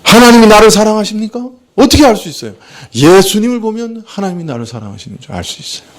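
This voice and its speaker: A man's voice: high voice, very animated, quick pace. A man preaching a sermon as pastor, asking rhetorical questions and answering them himself, acting out quoted speech. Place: church.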